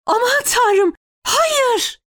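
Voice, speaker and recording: A woman voicing a desperate male officer under fire, shouting orders in high, strained bursts. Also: animated, very slow, full character voice. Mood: panicked shouting.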